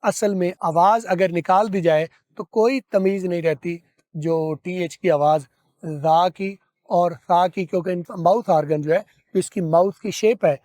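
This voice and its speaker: A man with a high-pitched voice runs a pronunciation lesson and says each English sound slowly, several times over. He poses questions to the learner and answers them himself. The recording is close and dry, with no room echo. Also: steady tone, darkish tone. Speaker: accent teacher.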